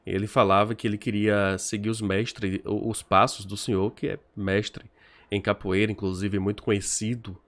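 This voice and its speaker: A man interviewing, asking short, gentle questions. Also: on the low side, flat delivery, moderate pace. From Brazil.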